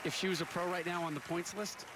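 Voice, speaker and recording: A man calling a televised bowling match as play-by-play commentator, reeling off stats briskly. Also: high voice, steady tone, background noise. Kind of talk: sports broadcast commentary.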